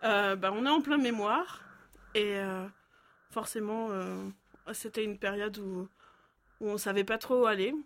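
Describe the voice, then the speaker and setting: A young woman, an art student, speaking haltingly as a guest in a radio interview. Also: medium pitch, a bit bright. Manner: hesitant, halting. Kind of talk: casual radio interview chat.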